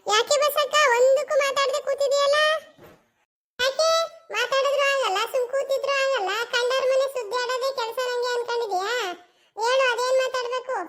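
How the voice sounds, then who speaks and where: A performer voicing a loud, touchy village woman who quarrels defensively in a shrill cartoon voice with a Mysore Kannada accent. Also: steady tone, normal speed. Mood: quarrelsome.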